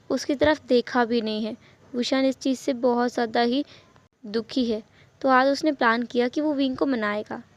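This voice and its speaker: A woman narrating a fan fiction story in a chatty way, mixing in English words and talking to viewers. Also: fairly high pitch. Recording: dull lo-fi home recording.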